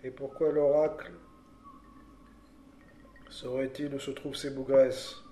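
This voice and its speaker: A man's voice: medium pitch, little pitch movement, takes it slowly, warm tone, lightly acted. A man playing a world-weary oracle in an audio drama, speaking cryptic pronouncements in a solemn, prophetic manner. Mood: grave, disdainful. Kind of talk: French audio drama acting. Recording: echoey room, faint background noise.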